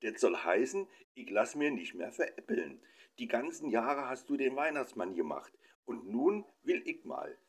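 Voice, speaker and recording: A man's voice: medium pitch, big pitch swings, a little slow, slightly rough, voice pushed up, heavily acted. A man voicing a cheeky nine-year-old boy with a Berlin accent who whines and insists. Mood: insistent. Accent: Berlin dialect. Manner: whiny, insistent.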